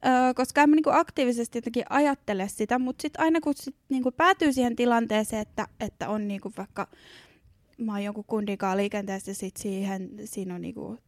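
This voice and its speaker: A woman's voice: a little high, no room sound. A young adult woman co-hosting a podcast in casual chat, talking loosely with lots of filler words and the odd swear word. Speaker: podcast co-host.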